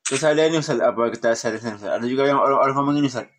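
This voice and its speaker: A man hosts an online study session and keeps steering the talk with chatty follow-up questions. He speaks at a middle pitch in an everyday tone. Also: rapid-fire, fairly bright tone, slight background noise. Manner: chatty, asks questions, tags "Ustaz". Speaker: session host.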